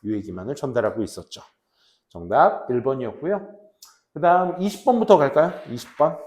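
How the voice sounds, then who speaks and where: Chatty teacher with a lively voice. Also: male voice, mid-range voice, reverberant. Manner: chatty, jokes with students, asks them questions; reads English slowly, then translates into Korean. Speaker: high school English teacher. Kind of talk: casual classroom lecture. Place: classroom.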